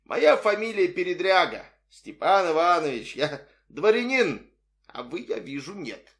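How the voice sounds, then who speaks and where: A man voicing a haughty émigré nobleman working as a taxi driver, mannered and condescending in a raised, drawn-out voice. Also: sits high, sing-song, fairly bright tone, pitched above the performer's own voice, heavily acted. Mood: grand, pleased.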